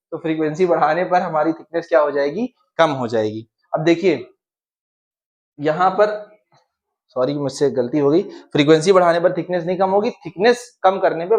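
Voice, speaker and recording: Young man, informal physics coach, slightly high voice, lively asides, casual exam-prep lesson. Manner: lively, chatty and informal, mixes in English terms and playful asides. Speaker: physics teacher.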